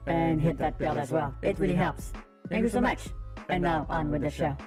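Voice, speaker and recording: A man streaming a video game live, commenting in a jokey, excitable way with loud outbursts while sounding sleepy. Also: a little high, moderate pace, over music.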